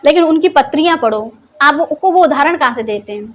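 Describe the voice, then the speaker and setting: A woman's voice: sits high, lively intonation, brisk. A woman giving a conversational Bible teaching, who keeps putting questions to her listeners and then answering them herself, in a scolding teacher's tone. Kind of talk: Hindi Bible teaching talk.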